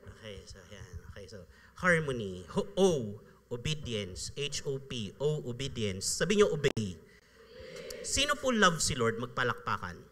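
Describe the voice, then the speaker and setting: A man's voice: mid-range voice, big pitch swings, measured pace, fairly bright tone, a little hiss or hum. A man preaching a sermon as a pastor, conversational, acting out the people he quotes and laughing often. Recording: live church sound with long reverb.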